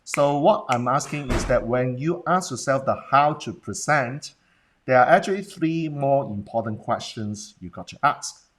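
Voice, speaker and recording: A man's voice: medium pitch, a little slow, fairly bright tone. Blunt man with a Hong Kong accent. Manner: rhetorical questions and check-ins with the audience. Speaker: business presentation coach. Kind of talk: Facebook Live talk, coaching viewers.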